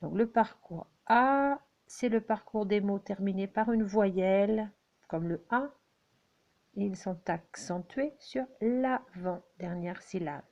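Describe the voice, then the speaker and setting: Slow, patient woman teacher. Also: medium pitch, darkish tone, highs cut off. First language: French. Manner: slow, patient, checks in with "d'accord?". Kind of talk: explaining at a whiteboard. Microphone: handheld camera.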